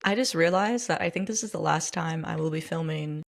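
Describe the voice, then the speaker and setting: A young woman keeps a podcast chat on track with a dry, wry manner. Her voice is low and full of fry, sounding relaxed and offhand. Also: brisk. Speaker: podcast co-host. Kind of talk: casual chat.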